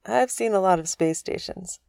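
A woman's voice: medium pitch, normal speed, creaky, darkish tone, dry recording, clean studio sound, lightly acted. A woman voicing an easygoing, practical male starship pilot in a storybook reading, plain and good-natured.

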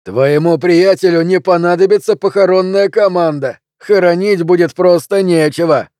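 A man voicing a barman who shouts mocking jeers. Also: sits high, normal speed, no echo, studio quality, voice pushed up, natural voice. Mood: jeering. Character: mocking male barman, loud and jeering.

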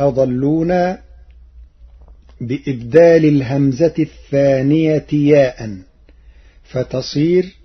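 A man speaks slowly and deliberately in a formal scripted explanation, his voice sitting a little high and sounding husky. The sound is dull and lo-fi, like an old archival radio recording. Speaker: radio presenter of Quran readings.

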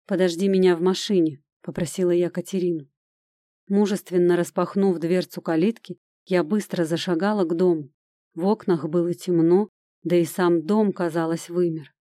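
Casting: female audiobook narrator, lowish mellow voice, measured first-person storytelling, dry close recording. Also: fairly even intonation, no echo.

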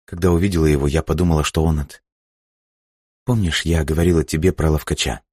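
A man reading an audiobook voices a frightened young woman who confesses in a soft, near-whispered voice and breaks into desperate cries. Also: rumbling low, steady tone, fast talker, husky, dry recording, clean studio sound. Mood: fearful hushed. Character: frightened young woman agent, tearful and pleading.

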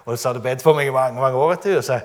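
Animated man preaching. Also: medium pitch. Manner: animated, dramatic storytelling with frequent laughter. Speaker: preacher giving testimony. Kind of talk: testimony sermon.

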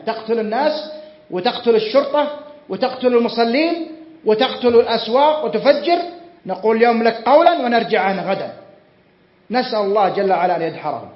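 A man giving a religious lecture, fervent and emphatic, swearing oaths and firing rhetorical questions. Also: sits high. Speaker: Islamic scholar giving a lecture. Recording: echoey, muffled lecture recording.

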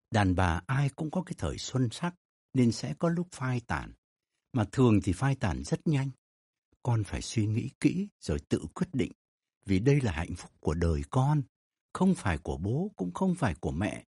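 A man voicing a calm father who gives measured, unhurried advice to his son in an audio drama. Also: on the low side, husky, no echo, clean studio sound, full character voice.

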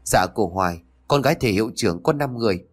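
A man's voice: fairly low pitch, animated, fast talker, slightly rough. A man voicing a frightened schoolgirl confessing to the police, hesitant and respectful. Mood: nervous.

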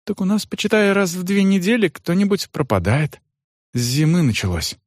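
For an audiobook character, a man performs a gossipy, simple peasant servant who chatters in a rambling, folksy singsong. He raises his voice above its natural pitch into a high register with lively intonation and a moderate pace. The sound is clean studio audio with no room sound.

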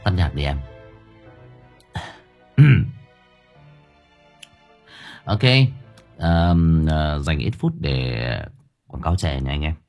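A man's voice: very deep voice, extremely slow, gravelly, pauses often, dark tone, faint music behind. A man hosting a livestream for his story channel, chatting casually and rambling straight to his viewers.

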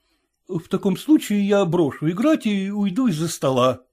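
A man voicing a dignified, formal gentleman who is offended at the card table. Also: sits high, big pitch swings, moderate pace. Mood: indignant. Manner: stiff, indignant, formal. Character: stiff, dignified middle-aged gentleman losing patience.

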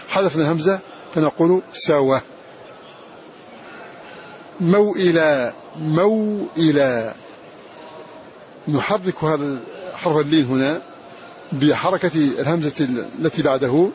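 A man teaching a lesson on Quran recitation rules. He says each example word slowly and more than once. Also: on the high side, darkish tone. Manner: repeats example words slowly and deliberately, drawing them out. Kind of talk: recorded lesson explaining a recitation poem. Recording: dull lo-fi recording with faint hiss.

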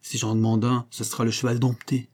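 A reserved, grave tutor speaks in measured, formal sentences, as a man reads him. The voice is warm in tone yet slightly husky. Its pitch sits in the middle range. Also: level tone, close to an everyday voice. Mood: dry.

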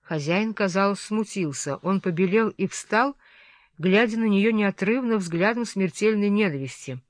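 A reader narrating a novel in a steady, measured voice of middling pitch. The recording is dry and close, with no room sound at all. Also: dry recording. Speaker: audiobook reader. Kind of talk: scripted narration.

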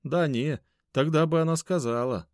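A man's voice: fairly high pitch, normal speed, no echo, studio quality, voice pushed up, natural voice. A man doing a touchy, sulky young male reporter. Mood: indignant. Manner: indignant, sulky, emphatic. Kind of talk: audiobook character voice.

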